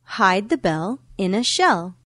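Woman, children's game narrator, scripted read-along, unhurried careful phrasing, close dry recording. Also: mid-range voice, very animated, fairly bright tone, no room sound.

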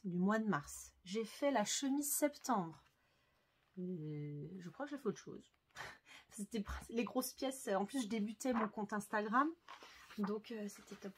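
A woman's voice: a little high, a little hiss or hum. A woman sewing vlogger chatting casually and enthusiastically, with frequent fillers and self-corrections. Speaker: sewing YouTuber. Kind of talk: casual book review vlog.

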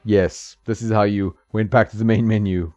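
Here a gaming channel host speaks at a moderate pace in a fairly low, warm voice with a steady tone. He chats and laughs at the screen while playing an old fighting game at home, and the dry, slightly dull recording carries game music behind him.

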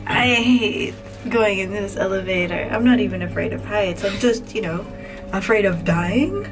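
A young woman chatting casually to a handheld camera as a travel vlogger, animated and quick to laugh. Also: medium pitch, music in the background, poor audio. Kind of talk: casual vlog narration to camera.

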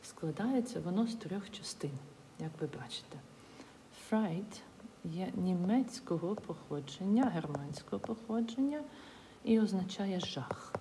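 A woman's voice: mid-range voice, animated, unhurried, warm tone, a little hiss or hum. A woman teacher explaining English grammar step by step, patiently repeating words and examples.

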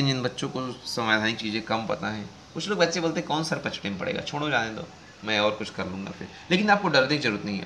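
Male host, a clear bright tone, conversational and direct with viewers, faint background hiss. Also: mid-range voice. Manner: conversational, addresses viewers as friends, reads out news excerpts. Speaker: education news video host. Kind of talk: casual explanatory talk to viewers.

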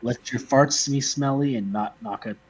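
A man co-hosting a podcast in casual chat, playful, silly and animated. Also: mid-range voice, normal speed, breathy edge. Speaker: podcast co-host.

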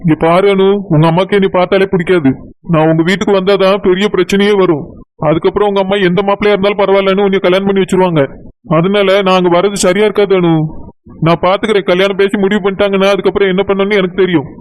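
A man voicing a calm, reassuring young man in a cartoon, with a Tirunelveli Tamil accent. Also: sits high, fast, close to an everyday voice, rough recording. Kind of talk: cartoon voice acting.

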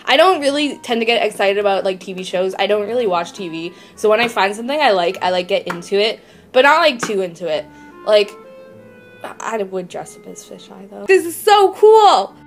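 A woman vlogging an unboxing in casual chat, excitable, swearing often and filling her talk with "like". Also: mid-range voice, a little fast, faint music behind. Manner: excitable, swears a lot, says "like" constantly.

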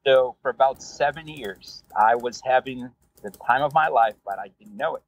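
A Brazilian rideshare driver with a Brazilian Portuguese accent tells his story in a casual interview, rambling along easily and using lots of fillers. His voice sits in the mid range at a moderate pace, and the audio quality is poor.

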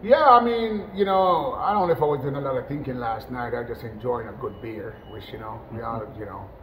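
A man's voice: mid-range voice, a little fast, slight background noise, poor audio. Chatty man coaching a national team. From Jamaica. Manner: relaxed, conversational, many "you know" fillers and restarts. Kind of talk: post-match interview. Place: indoors, in front of a sponsor backdrop.

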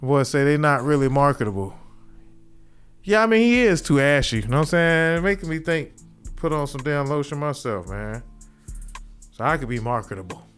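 Chuckling at his own jokes, a laid-back podcast host in his thirties delivers casual commentary from his small home studio. He talks into a studio mic while wearing headphones, his voice sitting on the high side with a fairly bright tone.

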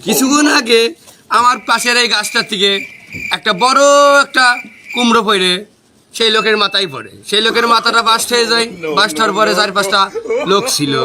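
A man's voice: high voice, a little fast, crowd noise, close to an everyday voice. A man with a western Bangladeshi accent from the Chuadanga area playing a mock-serious, repetitive parody news anchor. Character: parody village TV news anchor, absurdly solemn.

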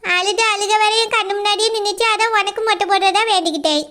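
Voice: extremely high pitch, fairly even intonation, fast, bright, forceful tone. A performer voicing a stern, bossy elderly aunt.

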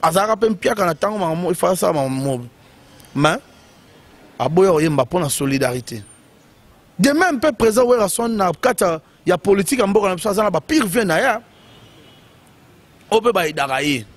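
A man's voice: high voice, big pitch swings, moderate pace, pauses often. A man giving casual, emphatic commentary on music news in short bursts full of fillers.

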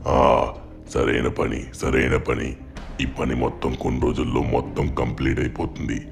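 A very low, gloating voice of a ruthless crime boss, as a man acts him out, boastful and menacing in a game story. Faint music sits behind him. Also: completely flat delivery, moderate pace, vocal fry, exaggerated voice. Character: greedy ruthless male meat-smuggling boss.

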